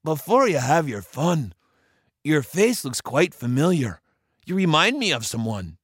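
A man performs a blustering male pirate captain from a comic storybook. He is loud and roaring, with a raised, very animated voice. The sound is close and dry. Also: fairly high pitch, measured pace, slightly rough, dry recording, pitched above the performer's own voice, exaggerated voice. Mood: pleading, urgent.

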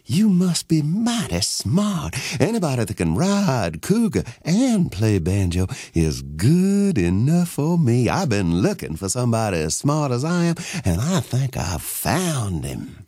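A syrupy, flirty fox lady, put on by a man, coaxing and drawling with lively swoops of pitch. The storybook hostess sounds mellow and a touch distant from the mic. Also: unhurried, hardly any pauses, husky, no room sound, studio quality, heavily acted. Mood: admiring. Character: flirty sweet-talking female fox hostess.

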